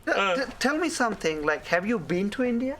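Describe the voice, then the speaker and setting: An actor playing a middle-aged doctor turned stubborn film producer, insistent and exasperated in conversation. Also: male voice, sits high, very animated, fairly quick, fairly bright tone, slight background noise, poor audio. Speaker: doctor and aspiring filmmaker.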